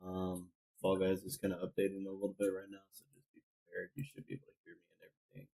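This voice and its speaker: A man's voice: sits low, fast talker, creaky, mellow, rough recording. A man casually chatting on a live game stream from his home computer, rambling with lots of fillers as he talks to chat and a friend. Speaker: gaming streamer. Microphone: desk mic.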